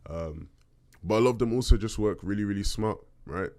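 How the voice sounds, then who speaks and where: A man with a deep bass voice hosting a podcast, casually answering listener questions and often checking in conversationally as he talks. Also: a little fast, a little mellow. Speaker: podcast host.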